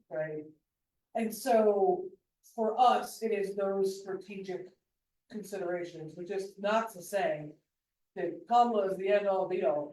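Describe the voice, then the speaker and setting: A woman's voice: fairly low pitch, dark tone, far from the mic. Earnest panelist woman, echoey room. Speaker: campaign panelist. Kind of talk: impassioned panel answer.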